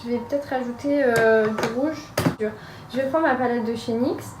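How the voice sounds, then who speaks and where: A woman's voice: fairly high pitch, a little slow, background noise. Chatty young woman in a roomy echo. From France. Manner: chatty, hesitant, with frequent fillers. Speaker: makeup vlogger. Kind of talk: casual makeup tutorial narration. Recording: roomy echo with music behind.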